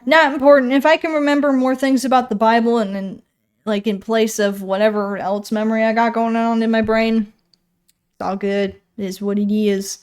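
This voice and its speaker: A woman's voice: fairly high pitch, fairly even intonation, moderate pace, a little mellow, clear, resonant tone. A woman streamer casually chatting while reading game patch notes, rambling and correcting herself as she goes. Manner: rambling, self-correcting, thinking aloud.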